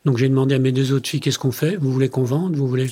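Older man, husky voice, interview guest, conversational storytelling, acts out quoted dialogue. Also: medium pitch, steady tone, fast, mellow. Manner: tells anecdotes by acting out quoted dialogue. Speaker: company president interviewed as guest.

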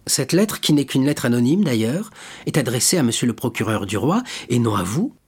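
A man voicing an anxious, gentle young noblewoman, a bride-to-be, in a pleading, worried way. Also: mid-range voice, very animated, brisk, slightly rough.

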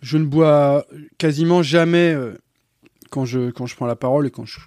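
A man's voice: fairly high pitch, a little mellow, dry recording, clean studio sound. A man who is a guest on a podcast, an event announcer and speaking coach, chatting casually with enthusiastic exclamations. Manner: enthusiastic, frequent exclamations and quick agreement. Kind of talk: casual interview chat.

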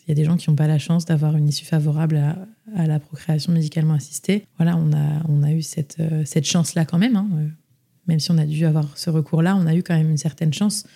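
Chatty young woman, low mellow voice. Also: fairly even intonation, fast talker, creaky. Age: young adult. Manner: chatty, many fillers and restarts. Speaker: interview guest. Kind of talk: casual podcast interview.

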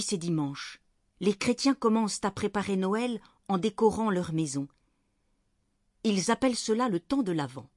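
A woman reading a Christmas children's story aloud in a clear, gentle, measured way. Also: medium pitch, no echo, studio quality. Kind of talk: storybook narration read aloud.

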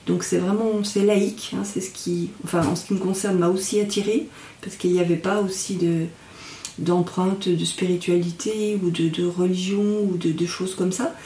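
A woman speaking as an instructor in an interview, explaining things in a reflective, halting way as she searches for her words. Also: fairly low pitch, steady tone, dark tone, slight background noise. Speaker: mindfulness instructor and guest. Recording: echoey room, distant from microphone.

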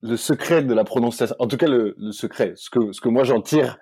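Fairly quick and mellow, with a husky, medium-pitched voice, this comedy podcast co-host from Corsica and mainland France keeps the chat casual. He repeats himself and laughs a lot, and there's no room sound.

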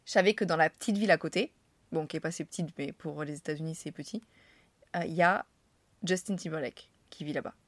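Young Frenchwoman, casual vlogger, self-mocking and slangy, slightly low voice, dry close mic. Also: a little fast, no echo. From France. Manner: chatty, self-mocking, slangy, laughs often. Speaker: vlogger telling anecdotes. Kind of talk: casual storytelling to camera.

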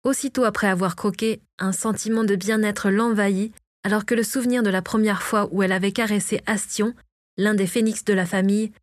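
A woman reads a storybook chapter aloud, calm and even, at a middling pitch. The recording is dry and close, with no room sound. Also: no room sound. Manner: reads all characters herself, lightly varying her voice. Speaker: audiobook narrator. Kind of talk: scripted storybook narration.

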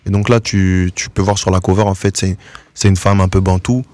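A young man in his twenties from DR Congo, a musician guest in a casual radio interview, relaxed and mixing in English slang. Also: low voice, a little fast, dry recording. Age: 20s. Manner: relaxed, laid-back, mixes English slang.

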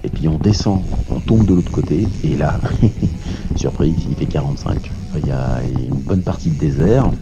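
A man's voice: rumbling low, normal speed, vocal fry, heavy background noise. A man in his forties chatting casually about a long bike race, with many fillers and dry jokes. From France. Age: 40s. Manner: hesitant, many fillers, joking. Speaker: amateur ultra-distance cyclist. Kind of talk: casual interview talk. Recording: dull lo-fi sound with music behind.

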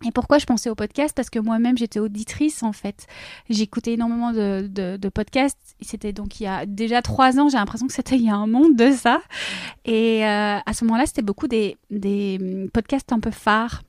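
Woman podcaster guest, fairly high voice, expressive, searching for words, dry mic. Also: a little fast, no echo. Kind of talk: casual interview talk. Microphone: studio microphone.

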